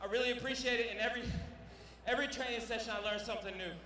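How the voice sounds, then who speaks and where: In a convention center arena, a fighter shouts a brash, boastful post-fight promo over the crowd into a handheld interview mic. His very high voice stays steady in tone and comes out rapid-fire, captured from far off in the echoey hall.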